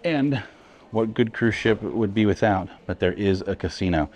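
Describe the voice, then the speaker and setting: This low-voiced man, a travel vlog co-host, narrates a casual walking tour of a cruise ship, both indoors and out on the open decks. He speaks at a moderate pace with a darkish tone, staying easygoing and chatty and laughing between remarks.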